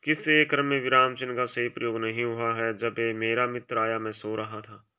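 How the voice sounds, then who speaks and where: A man teaching an exam-prep grammar lesson, reading each quiz option aloud and then briefly marking it right or wrong in quieter, lower asides. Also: little pitch movement, moderate pace, clear, resonant tone.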